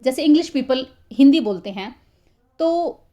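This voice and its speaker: In a recorded lecture on literary theory, a woman teaches conversationally, repeating points, using many fillers, and constantly asking listeners to confirm they follow. Her voice sits high and sounds mellow and animated, at a moderate pace.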